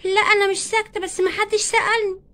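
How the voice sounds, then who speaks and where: A woman's voice: extremely high pitch, little pitch movement, fast talker, bright, forceful tone. A woman with an Egyptian accent voicing a matter-of-fact little girl who tells on her aunt in a doll play story. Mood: telling. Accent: Egyptian Arabic. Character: little girl, blunt tattletale.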